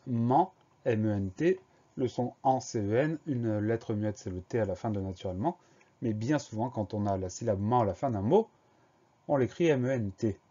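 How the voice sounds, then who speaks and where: A man teaching a dictation lesson, slowly and methodically spelling each word letter by letter. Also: medium pitch, dark tone, breathy edge, highs cut off.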